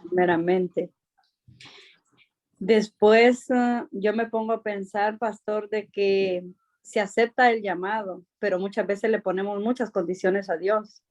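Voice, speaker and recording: Woman, slow measured pace, earnest reflective sharing, mid-pitched voice. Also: fairly even intonation, a little mellow. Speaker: church group member. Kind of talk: casual group sharing.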